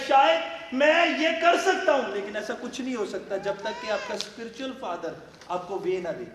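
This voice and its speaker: High-voiced male pastor preaching in an echoey hall. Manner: fervent preaching, with rhetorical questions and sudden shouted emphasis. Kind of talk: sermon. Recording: echoey hall, voice far from the mic.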